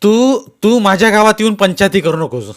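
A man's voice: expressive, brisk. A man voicing a blustering village headman, a bully who turns into a coward. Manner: shrill, blustering, panicky.

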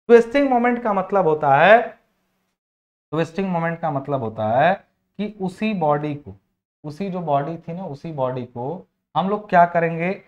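A man teaching engineering in a chatty classroom lecture. He repeats phrases, asks his students questions and slips English technical terms into his sentences. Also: sits high. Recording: dull lo-fi recording.

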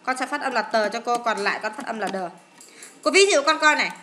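A woman English teacher with a Vietnamese accent, going through exam answers in a lively, coaxing way, asking questions and answering them herself. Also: fairly high pitch, fast talker, a little hiss or hum. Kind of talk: classroom-style lesson explaining an exam.

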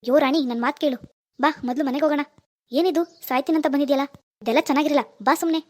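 A woman's voice: sits high, quick pace, close to an everyday voice. A woman voicing a young husband in a cartoon, earnest, pleading and insistent. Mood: coaxing. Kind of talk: animated cartoon dialogue.

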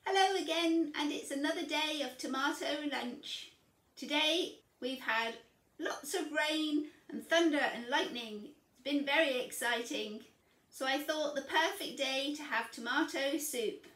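A woman's voice: high voice, measured pace, fairly bright tone. A woman in her fifties chatting cheerfully as she shows each step of cooking in her home kitchen. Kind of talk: casual kitchen demonstration. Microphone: camera mic at a distance. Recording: roomy kitchen sound, mic a little far off.

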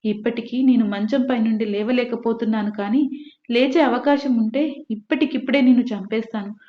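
A woman reading the part of a bedridden mother, scolding loudly and bitterly. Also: on the high side, fairly even intonation, normal speed, close to an everyday voice. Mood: furious scolding. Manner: shouting, scolding. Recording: echoey room, dull lo-fi.

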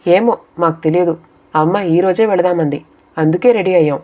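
A woman's voice: lowish voice, dark tone, close to an everyday voice. A woman reading the lines of young children who hurry their mother along, in a storybook reading. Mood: matter-of-fact. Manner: hurried, insistent.

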